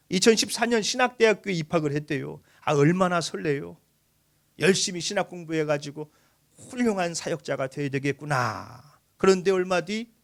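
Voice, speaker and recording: A male pastor preaching a sermon, moving from calm explanation to impassioned pleading when he voices the grieving. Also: gravelly. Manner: emotive preaching, voicing the grieving with raised pitch.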